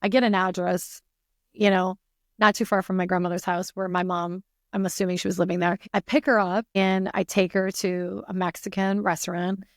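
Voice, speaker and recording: A woman's voice: medium pitch, flat delivery, moderate pace, dry recording, clean studio sound. A woman telling a personal story as a podcast guest, earnest and full of "you know" fillers.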